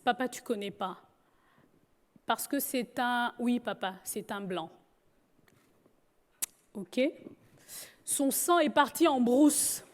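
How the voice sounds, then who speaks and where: Woman from Gabon, lively humorous storyteller, high voice. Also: slow pace, pauses often, a little hiss or hum. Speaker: speaker. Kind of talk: personal storytelling talk.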